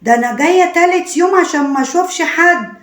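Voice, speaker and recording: A woman's voice: very high-pitched, lively intonation, fast talker, fairly bright tone, pitched above the performer's own voice. A woman with an Egyptian accent voicing a weary, indignant middle-aged mother who pleads and complains. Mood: pleading. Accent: Egyptian Arabic. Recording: roomy echo.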